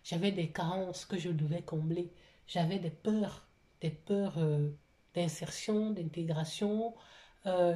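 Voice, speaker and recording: Woman vlogger with a foreign accent; low, dark, mellow voice; hesitant and full of restarts. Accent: foreign accent in French. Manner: halting, many restarts and fillers. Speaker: vlogger, single mother. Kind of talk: personal confessional talk.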